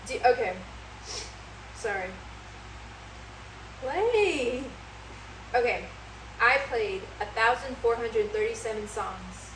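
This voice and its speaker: An easygoing young woman chatting on a casual podcast, self-deprecating and talkative, with a slightly high voice. She is recorded from a distance in an echoey room, with clearly audible background noise. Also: expressive, slow pace, long pauses. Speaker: podcast co-host. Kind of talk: casual chat.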